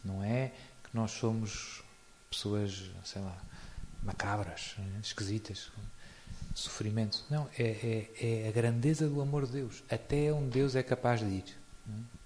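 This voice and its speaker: A man's voice: on the low side, fairly even intonation, measured pace, a little mellow, slight background noise. A man with a European Portuguese accent giving an informal spiritual talk, speaking conversationally and often adding tag questions. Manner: chuckles often while explaining. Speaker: religious speaker.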